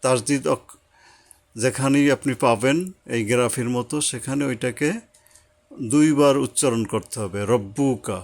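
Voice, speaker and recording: A man teaching Quran reading step by step, patiently repeating points and slowly sounding out each syllable. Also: mid-range voice. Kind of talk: step-by-step recitation lesson.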